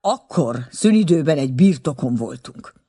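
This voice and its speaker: A man's voice: fairly high pitch, lively intonation, mellow, slightly rough. A man reading aloud and voicing a fussy, timid stout old woman who chatters and loses her thread. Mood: rambling.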